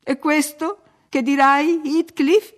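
A woman reading the part of a dying young woman, bitter and passionate, rising to loud, accusing outbursts. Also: high voice, fairly even intonation, unhurried, creaky, pitched above the performer's own voice.

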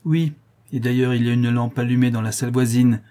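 A man's voice: mid-range voice, steady tone, brisk, warm tone, natural voice. A man voicing a stern male accomplice who gives firm warnings and later falters as he weakens.

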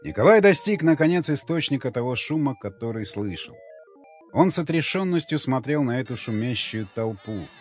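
Brief: male narrator, mid-pitched, even reading, slightly dull recording. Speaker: audiobook narrator. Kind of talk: scripted narration. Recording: slightly muffled with faint music.

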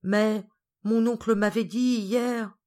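A woman voicing a gentle, sad little girl in an audiobook. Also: on the low side, moderate pace, natural voice. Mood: tender.

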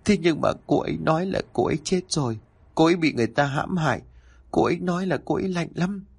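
A grief-stricken young man voiced by a male narrator pleads tearfully in a horror audio story. His voice sits higher than the narrator's and has a husky edge. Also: expressive, a little fast. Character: grieving young man in a wheelchair, desperate.

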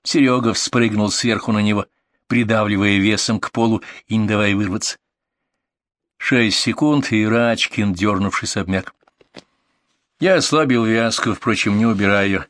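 Low-voiced man narrating a story. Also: moderate pace, dry recording, clean studio sound. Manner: steady, matter-of-fact storytelling. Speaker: audiobook reader. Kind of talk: scripted first-person narration.

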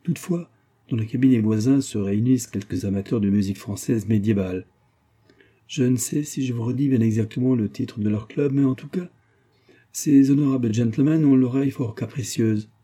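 A man's voice: medium pitch, a little fast, dark tone, slightly rough, close to an everyday voice. A man voicing a deferential male waiter who speaks politely and tactfully in an audiobook.

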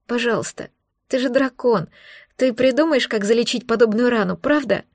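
A woman's voice: fairly high pitch, moderate pace, dry recording, clean studio sound. A woman voicing a tearful, anxious young princess who pleads and frets, in an audiobook. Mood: tearful, pleading. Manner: pleading, sobbing, flustered. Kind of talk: audiobook dialogue.

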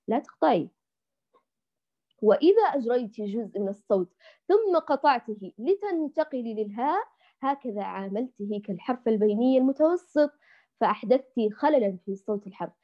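A woman's voice: fairly high pitch, lively intonation. Patient woman teaching Quran recitation, lo-fi. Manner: patient, repeats and drills syllables slowly. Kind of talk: tajweed lesson for women. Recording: dull lo-fi audio.

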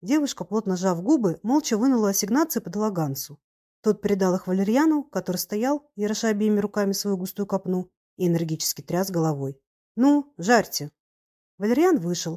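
A woman reads a novel aloud at a steady, measured pace. Her voice is mellow and warm, sitting at an ordinary middle pitch for a woman. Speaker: audiobook narrator. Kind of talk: scripted narration.

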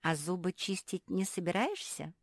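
A woman's voice: fairly low pitch, animated, normal speed, dry recording, clean studio sound, voice pushed up. A woman plays a bossy older sister dog in a storybook. She grumbles and scolds with a fussing edge. The tone is practical and stern.

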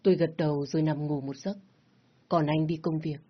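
A woman narrating a first-person story in a soft, reflective, unhurried reading. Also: sits low, steady tone, breathy edge, muffled recording.

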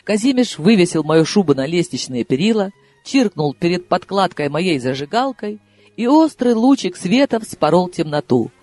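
A male audiobook reader with a fairly high voice and a very lively, rising-and-falling delivery. He narrates dramatically in the first person while soft music plays behind. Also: moderate pace, dry recording. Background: soft background music.

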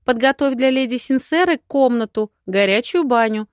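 A woman's voice: on the high side, expressive, normal speed, clean tone, no room sound, studio quality, voice pushed up, close to an everyday voice. A woman voicing a commanding noble lady who gives emphatic orders and fusses over a girl. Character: commanding noble matron, stern yet doting.

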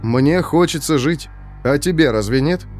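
A man's voice: on the high side, lively intonation, measured pace, darkish tone, faint music behind. A man voicing a nervous young male newcomer in prison who talks in a tense, defensive way.

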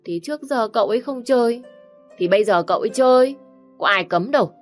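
A woman's voice: a little high, animated, fast talker, faint music behind, voice pushed up, close to an everyday voice. A woman voicing a young house maid who speaks up bluntly and chattily. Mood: eager. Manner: chatty, outspoken.

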